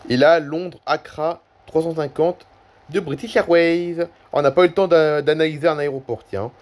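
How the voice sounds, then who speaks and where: A man's voice: on the high side, steady tone, moderate pace. A man casually commenting on a live flight-tracking map he is clicking through, hesitating, rambling and correcting himself as he goes. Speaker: YouTuber. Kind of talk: casual screen-recording commentary.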